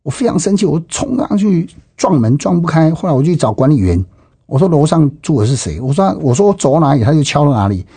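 A middle-aged man with a Taiwanese Mandarin accent recounts his life in an emphatic testimony, full of exclamations and repeated phrases. His voice is dark and husky, and it sounds dry and close with little room sound. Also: fairly high pitch, sing-song, fast talker, no echo. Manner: emphatic, with frequent exclamations and repetitions. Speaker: interviewee giving personal testimony. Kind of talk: personal testimony storytelling.

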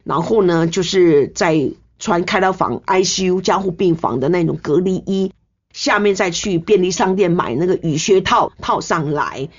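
An older Taiwanese nurse, a guest in an interview, gives earnest, emotional personal testimony in Taiwanese-accented Mandarin, using sentence-final particles. Her voice is low and husky at a normal speed, and the recording sounds dull and slightly muffled.

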